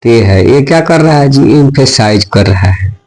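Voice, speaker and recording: A man's voice: mid-range voice, animated, normal speed, a little mellow, rough recording. A male teacher giving a grammar lesson, who keeps asking and answering his own questions and slips between example sentences and explanation.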